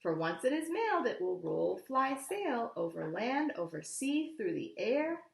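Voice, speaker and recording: Reading a picture book to children the way a teacher would, a woman tells the story expressively and deliberately, adding simple explanations. Her voice is a little high and creaky, and the room echoes.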